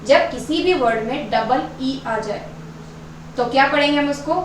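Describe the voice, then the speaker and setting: A woman teaching English pronunciation in an online lesson, explaining rules and then reading out lists of example words slowly, often checking whether it is clear. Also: high-pitched. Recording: very echoey room, voice from a distance, faint noise.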